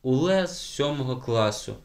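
A man's voice: medium pitch, expressive, moderate pace, natural voice. A man voicing a timid, sulky schoolgirl who mumbles and whispers her answers in an audiobook. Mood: hushed. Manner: hushed, mumbling. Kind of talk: audiobook character voice.

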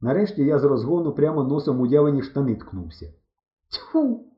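A man reading an audiobook aloud, narrating in the first person with dramatic, expressive delivery. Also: medium pitch, quick pace. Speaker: audiobook reader. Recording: roomy, dull recording.

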